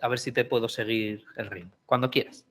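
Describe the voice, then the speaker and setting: Mid-pitched man from Spain moderating informally. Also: steady tone, brisk, a bit bright. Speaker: session moderator. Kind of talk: informal, spontaneous session moderation.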